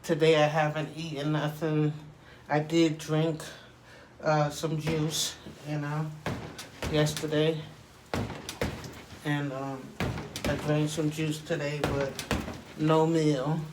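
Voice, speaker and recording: A man with a slightly high voice talks casually to camera while hitting a punching bag. He rambles along in loose, conversational phrases with repeated check-in tags. The recording has clearly audible noise around him. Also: level tone, takes it slowly, long pauses. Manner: rambling, frequent "you know what I'm saying" tags. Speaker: video creator. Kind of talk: casual workout vlog, talking to camera.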